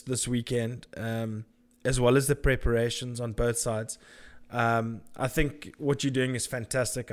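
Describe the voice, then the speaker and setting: A male interview host with a mid-range voice keeps the chat casual and jokey. He stumbles over his words and restarts often, and nervous laughs break into his questions. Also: mid-range voice.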